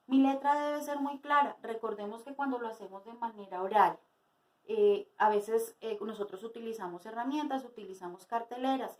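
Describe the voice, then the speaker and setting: Young adult woman teacher, fairly high voice, patient lesson delivery with questions to the class. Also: low-quality recording. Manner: slow explanatory teaching with rhetorical questions. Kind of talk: spoken lesson for students.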